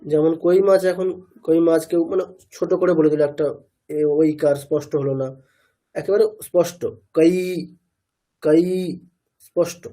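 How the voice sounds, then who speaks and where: A man's voice: a little high, fairly even intonation, mellow. Patient Bengali man teaching a class. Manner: patient, explains slowly with repeated examples. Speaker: Sanskrit chanting teacher. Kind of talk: classroom lesson.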